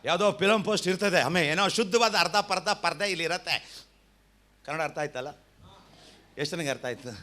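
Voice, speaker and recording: A man with a Kannada accent preaching a sermon as pastor, calling on the congregation to answer and repeat after him. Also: sits high. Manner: animated preaching with call-and-response.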